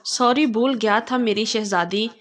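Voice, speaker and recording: A woman's voice: fairly high pitch, unhurried, close to an everyday voice. Woman doing a fond teasing young husband. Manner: fond and playful.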